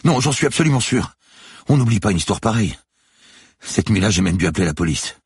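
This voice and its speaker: A man's voice: low voice, normal speed, husky, no echo, clean studio sound, pitched above the performer's own voice. A man reading an audiobook, voicing a nervous male cathedral sacristain who explains himself anxiously. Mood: earnest. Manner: anxious, pleading, explaining hurriedly.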